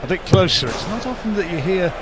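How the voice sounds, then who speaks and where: A man's voice: high voice, animated, fast talker. A man giving live darts commentary in a conversational, discursive way with wry asides. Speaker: sports commentator. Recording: loud arena noise behind commentary. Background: noisy darts arena.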